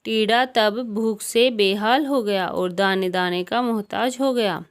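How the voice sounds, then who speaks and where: Slow, calm woman storyteller. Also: mid-range voice, clear, resonant tone. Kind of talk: storybook narration.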